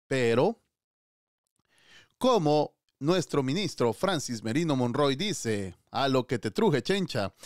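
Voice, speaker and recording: A man's voice: medium pitch, no room sound, studio quality. A man giving opinionated news commentary, scolding and firing rhetorical questions. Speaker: political commentator.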